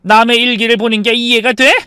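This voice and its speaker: A man voicing an indignant older mother-in-law in a story, protesting in sharp outbursts. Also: high-pitched, big pitch swings, fairly quick, smooth, no room sound, clean studio sound, voice pushed up, heavily acted. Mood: outraged.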